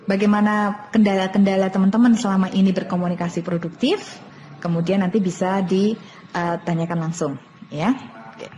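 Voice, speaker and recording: A woman's voice: mid-range voice, fairly even intonation, normal speed, warm tone, lo-fi sound. Woman teaching a parenting webinar. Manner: explanatory, repeats key points, mixes in English terms. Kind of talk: online lecture. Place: online webinar. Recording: long reverb, faint background noise.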